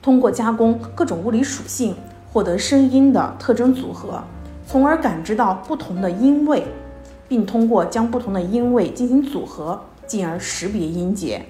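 A woman's voice: on the high side, moderate pace. Woman lecturing in an echoey room. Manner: steady explanatory delivery with verbal fillers. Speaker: psychology lecturer. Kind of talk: recorded lecture. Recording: echoey room with faint music.

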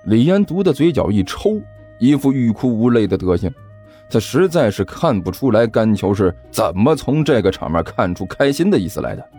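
A man narrating an audiobook in an animated storytelling manner. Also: lowish voice, moderate pace, faint music behind.

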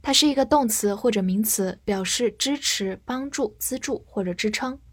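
A woman from China, a native Chinese speaker, teaching English vocabulary with clear, patient explanations and careful spelling. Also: a little high, moderate pace, dry recording. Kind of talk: vocabulary lesson.

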